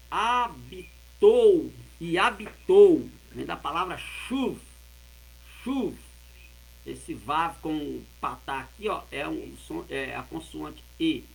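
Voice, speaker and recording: A man teaching a lesson, explaining and repeating words slowly and carefully. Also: a little high, vocal fry, fairly bright tone, poor audio. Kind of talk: explaining Hebrew words of a Bible verse.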